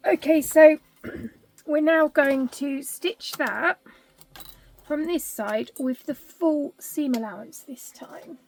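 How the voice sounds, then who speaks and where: A woman talking through a sewing tutorial step by step, chatty and practical, her voice going husky at times. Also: high-pitched, slow pace, darkish tone. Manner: chatty step-by-step instructions, drops into whispers. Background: sewing machine.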